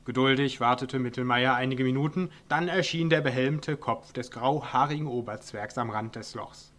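A man's voice: medium pitch, moderate pace, a bit bright. A man reading a humorous story aloud in a dry, wry narrating manner.

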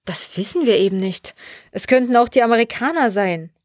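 A woman reading the part of a grumpy old male ship commander, speaking slowly and curtly. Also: a little high, dry recording, studio quality. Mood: skeptical. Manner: slow, flat, curt logic.

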